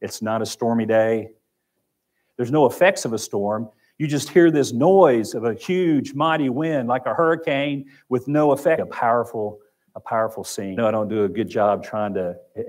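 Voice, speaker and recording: A man with an Oklahoma accent teaches a Sunday Bible class in a church classroom with a projector screen. He talks conversationally and repeats phrases, in a lowish, slightly mellow voice at normal speed.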